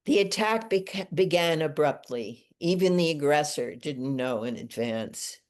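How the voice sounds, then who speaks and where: A woman, the featured poet, reading her own poetry aloud in a measured, deliberate way. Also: low-pitched, lively intonation, darkish tone. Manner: slow, deliberate, measured delivery.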